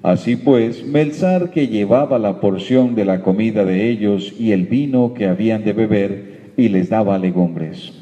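Deep-toned man reading scripture. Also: a little slow, warm tone. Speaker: scripture reader. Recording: lo-fi recording with long hall reverb.

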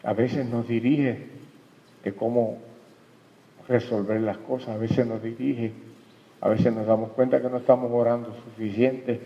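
A man's voice: mid-range voice, flat delivery, measured pace, pauses often. A man preaching a sermon, often turning to the congregation with questions and calling them brother. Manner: addresses the congregation directly with questions and "hermano". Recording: lo-fi recording with long hall reverb.

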